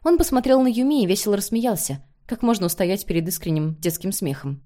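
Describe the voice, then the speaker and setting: A woman reading a novel aloud as an audiobook narrator, in measured, even storytelling. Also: mid-range voice. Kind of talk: scripted narration.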